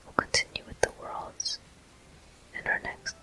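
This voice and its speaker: Like a host narrating gameplay, someone guides the listener through a video game in a soft ASMR whisper. Breathy and sibilant with a very bright quality and barely any voiced tone, the speech comes in short phrases, deliberate and unrushed.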